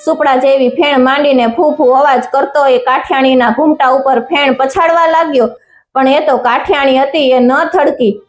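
Female storyteller, high-pitched, dramatic folk-tale reading in a roomy space. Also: fairly even intonation, moderate pace. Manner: dramatic storytelling, a few slips and restarts. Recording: echoey room with faint music.

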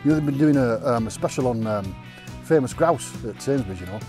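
Fast-talking and animated, this medium-pitched middle-aged man jokes around and swears casually as he hikes through a wood beside a river. The vlogger films on a handheld action camera, and guitar music plays behind him.

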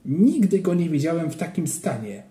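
A man reading a children's story aloud in an expressive narrating style. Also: fairly high pitch, normal speed. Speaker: audiobook reader. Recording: roomy echo.

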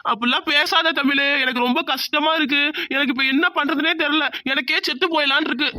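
A man's voice: very high voice, steady tone, a little fast, sharp tone, full character voice. A performer voicing a devoted young village man in a cartoon, pleading with the woman he loves. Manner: pleading, earnest promises. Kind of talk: cartoon voice acting.

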